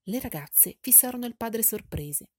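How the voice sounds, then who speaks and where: A woman narrating a classic novel as an audiobook in a measured, storytelling manner. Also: on the high side, animated, dark tone, no echo, studio quality. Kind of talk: scripted literary narration.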